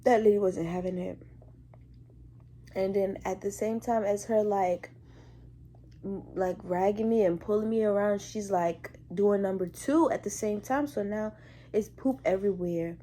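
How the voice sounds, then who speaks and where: Animated young woman telling a story. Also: medium pitch, measured pace, slight background noise. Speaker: hospital care worker. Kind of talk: casual story-time vlog.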